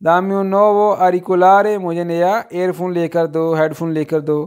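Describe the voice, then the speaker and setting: High-voiced man teaching a language lesson. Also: level tone, a little mellow, clear, resonant tone. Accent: Pakistani Urdu. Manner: repeats each phrase slowly, keeps saying "thik hai" between points.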